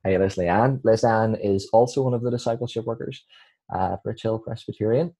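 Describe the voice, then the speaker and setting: A young Northern Irish man co-hosting a church podcast, chatting with many ums and pauses. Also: lowish voice, dark tone. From Northern Ireland. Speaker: podcast co-host, church worker. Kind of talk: casual chat.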